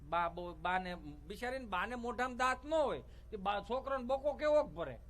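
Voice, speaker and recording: High-voiced stage comedian. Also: male voice, lively intonation, moderate pace, a bit bright. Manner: folksy, teasing, preachy asides. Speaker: stand-up comedian. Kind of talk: Gujarati stage comedy monologue. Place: stage before a live audience.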